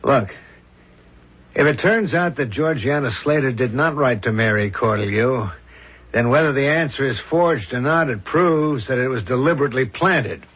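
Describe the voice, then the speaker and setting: On a dull vintage recording, a man plays a serious, deliberate homicide inspector from a 1970s radio play, earnest and dogged as he probes. The voice sits at medium pitch, husky, with lively intonation, and he comes across as pondering yet determined.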